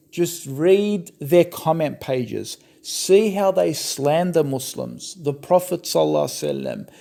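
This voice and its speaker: Speaking in a fairly high, gravelly yet mellow voice, this religious commentator is a young man from the West with Turkish roots. His commentary is a sarcastic, combative rebuttal.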